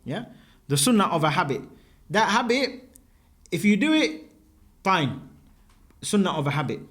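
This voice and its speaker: Animated, high-voiced male teacher. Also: unhurried. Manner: explains terms step by step, checks in with a questioning "yeah?". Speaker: religious teacher. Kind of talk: classroom lecture.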